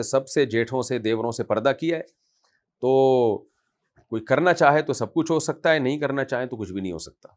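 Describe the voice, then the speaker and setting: A man of middle pitch gives a religious question-and-answer talk as an Islamic scholar. He speaks in a conversational way that turns forceful and scolding.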